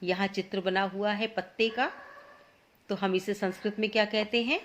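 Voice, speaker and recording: A woman's voice: mid-range voice, fairly even intonation, normal speed, a bit bright, slight background noise. A woman teacher explaining a school lesson, patiently repeating each word for students to say after her.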